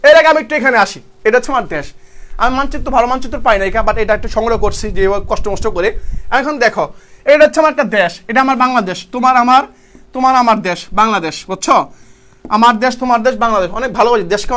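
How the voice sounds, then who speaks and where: A man's voice: extremely high pitch, very fast, a bit bright. A young man from teaching an online exam-prep lecture, asking questions and answering them himself and repeating key terms. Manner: calls students brother, speaks colloquially. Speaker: online tutor.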